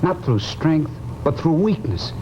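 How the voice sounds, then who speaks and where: A man's voice: on the high side, very animated, a little slow. Haunted, guilt-ridden man, muffled noisy recording. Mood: haunted dread. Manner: intense, brooding, dramatic. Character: haunted, guilt-ridden man confessing his terror of death. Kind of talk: 1950s live television drama acting. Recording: muffled, noisy old television soundtrack.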